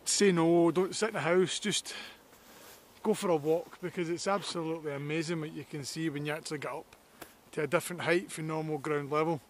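A man's voice: on the high side, fairly even intonation, brisk, a little hiss or hum. Scottish man vlogging on a hilltop. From Scotland. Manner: enthusiastic, reflective, talks to camera while walking. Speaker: landscape photographer vlogger. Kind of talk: outdoor walking vlog. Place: hillside outdoors in snowy weather.

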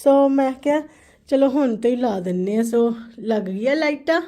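A woman's voice: high-pitched, expressive, moderate pace, mellow. A woman with a Punjabi accent chatting casually to viewers in a daily vlog, mixing in English phrases. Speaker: vlogger. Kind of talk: casual chat to viewers about daily routine.

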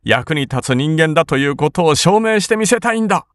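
A man's voice: fairly high pitch, animated, a little fast, a bit bright, no room sound, studio quality, voice pushed up. Male reader as timid older-brother samurai; trembling, urgent, raised voice; storybook reading. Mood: urgent resolve.

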